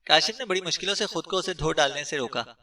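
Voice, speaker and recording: Bright-voiced male audiobook narrator. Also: a little high, fast talker, recorded from a distance. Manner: steady storytelling. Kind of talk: scripted narration.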